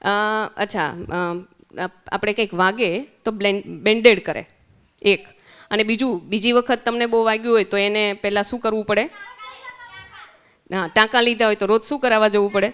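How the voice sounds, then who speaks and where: A woman's voice: medium pitch, steady tone, normal speed, fairly bright tone, smooth. A woman with a Gujarati accent teaching children at a summer camp, asking them questions and repeating their answers. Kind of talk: interactive lesson with children. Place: centre hall.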